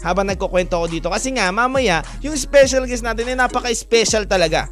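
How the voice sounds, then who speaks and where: A man hosting an online radio-style show, chatting and telling a story to his listeners in a lively, animated way. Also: high-pitched, fast talker, faint music behind. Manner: animated, keeps calling listeners "mga kawan". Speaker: DJ host.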